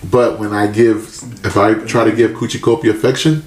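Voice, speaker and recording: A man's voice: fairly low pitch, fairly even intonation, a little fast. A man in casual podcast chat, swearing freely and telling loose stories. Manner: loose, profane, storytelling. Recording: roomy echo, faint hiss.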